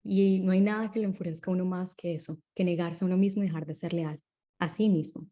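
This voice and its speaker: As an interview guest, a woman with a voice on the low side lays out her ideas calmly and without hurry, frequently checking in with brief tag questions.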